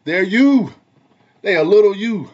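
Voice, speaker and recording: A man who is a parent and a barber, talking heatedly in a casual commentary vlog, repeating himself in a preachy way and swinging between loud and soft. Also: high-pitched, expressive, measured pace, lo-fi sound. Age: adult parent. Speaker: vlogger and barber.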